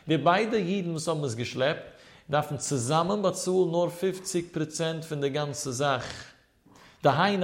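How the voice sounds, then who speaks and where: A man teaching a religious legal text. He reads Hebrew passages in a quick chant, then explains them in German. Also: fairly high pitch. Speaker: Torah teacher. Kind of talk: Talmudic lesson mixing Hebrew text with Yiddish-style German.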